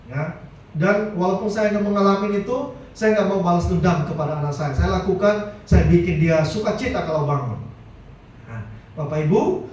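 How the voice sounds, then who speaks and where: A man's voice: on the high side, a little mellow, slight background noise. A middle-aged man preaching a sermon in a church, telling stories casually and dropping in a chatty "ya". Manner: casual storytelling with frequent "ya". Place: church hall. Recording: very echoey hall, mic far off.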